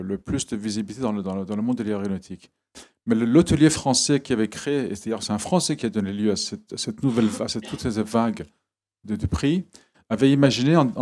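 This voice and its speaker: A man in giving a public talk to an audience, halting and often repeating words. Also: on the low side, darkish tone. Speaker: guest speaker.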